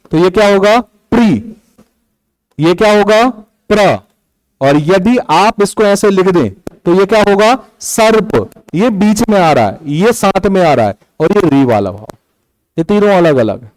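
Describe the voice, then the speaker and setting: A young man teaches a class, patient and methodical, counting out syllables one by one as he explains. His voice sits high for a man. The sound is dry and close, with little room echo. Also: expressive, a little slow. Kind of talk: classroom lecture on Hindi prosody.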